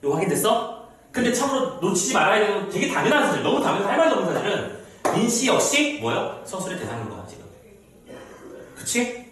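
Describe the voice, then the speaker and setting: A middle-aged man teaching a literature lecture to students, chatty and lively, reading passages aloud and acting out the characters. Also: sits high, fast talker. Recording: very echoey room, mic off at a distance, faint noise.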